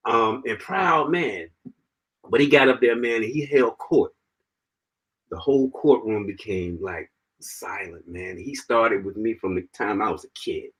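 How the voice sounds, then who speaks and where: A man as an interview guest, telling his own story in an animated way, laughing often and filling his talk with "man" and "you know.". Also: on the low side, measured pace, husky, poor audio. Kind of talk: personal storytelling in conversation.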